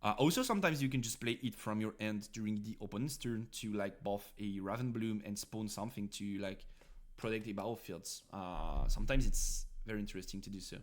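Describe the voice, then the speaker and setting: A young Frenchman with a French accent streams casually, chatting with viewers about card game decks. His lowish voice runs a little fast, and he rambles with plenty of fillers and restarts.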